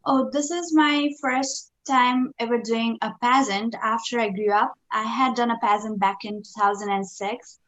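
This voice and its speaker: A woman's voice: on the high side, steady tone, moderate pace, hardly any pauses, a bit bright. A woman, a pageant contestant, chatting eagerly with the judges and often using fillers. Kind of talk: answering judges' questions. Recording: dull lo-fi audio.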